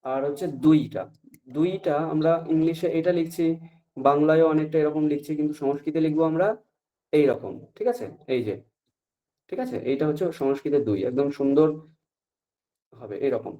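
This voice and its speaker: A male teacher leads an online lesson over a video call, walking through each point patiently and stopping to check that his students understand. His voice sits a little high and has a mellow, relaxed tone. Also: moderate pace, pauses often. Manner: patient, explains step by step, checks often for understanding. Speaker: Sanskrit teacher. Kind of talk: online class lecture.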